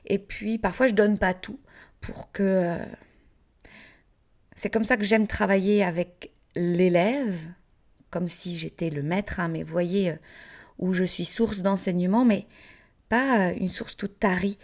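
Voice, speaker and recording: Southern French woman, yoga teacher, casual rambling talk, warm mellow tone, mid pitch. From France. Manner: chatty, playful asides with frequent fillers and soft whispered words. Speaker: yoga teacher and podcast host.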